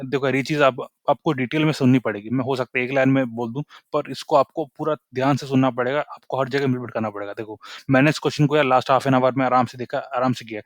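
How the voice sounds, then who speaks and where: Young man, brisk casual coding tutor, dry close sound, keeps checking that viewers follow. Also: mid-range voice, no echo. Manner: chatty, repeats "ठीक है?" after nearly every point.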